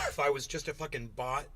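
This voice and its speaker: A man's voice: medium pitch, noisy background. A man hosting a casual livestream, talking bluntly to his chat and swearing freely. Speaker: livestream host.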